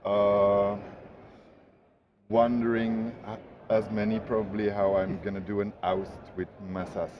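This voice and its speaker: A man's voice: lowish voice, little pitch movement, measured pace. A man from Belgium, introducing himself tersely as a tournament finalist. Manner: terse, clipped phrasing. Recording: muffled and noisy, off-mic.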